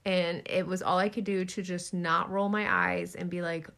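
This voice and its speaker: A woman co-hosting a podcast in casual chat, keeping a calm, even tone and laughing easily. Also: on the low side, moderate pace, vocal fry. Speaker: podcast co-host.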